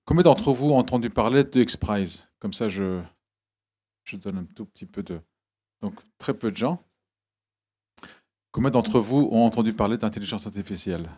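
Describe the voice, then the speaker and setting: A man in giving a public talk to an audience, halting and often repeating words. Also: lowish voice, a little mellow, husky. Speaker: guest speaker.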